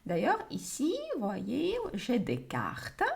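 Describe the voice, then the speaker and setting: A woman with a French accent, co-hosting a language livestream and teaching slowly and deliberately, repeating words for learners. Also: mid-range voice, wildly swooping pitch, creaky. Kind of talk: slow, clear teaching on a livestream.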